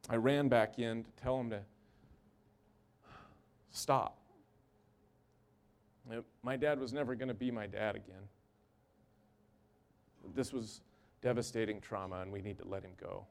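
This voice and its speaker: A man who works in an emergency room gives a personal storytelling talk, earnest and halting, with short repeated phrases. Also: on the low side, fairly even intonation, gravelly. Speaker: emergency room medical worker.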